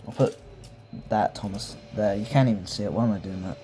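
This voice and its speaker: A man's voice: on the low side, fairly quick, mellow, a little hiss or hum. A young man, casually reviewing toy trains, rambling and gushing with lots of fillers and restarts. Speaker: toy collector reviewing die-cast trains.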